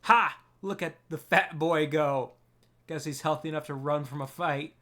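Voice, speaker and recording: A man's voice: mid-range voice, moderate pace, fairly bright tone, lightly acted. A man voicing a tiny, vulgar, fierce old grandmother with a coarse, snarling way of talking. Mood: angry, mocking. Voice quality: coarse, snarling, rural grammar.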